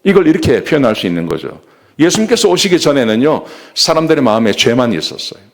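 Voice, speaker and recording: A man's voice: mid-range voice, sing-song, fast. A man preaching a Sunday sermon as a pastor, retelling a scripture story and acting out the quoted speech. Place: church.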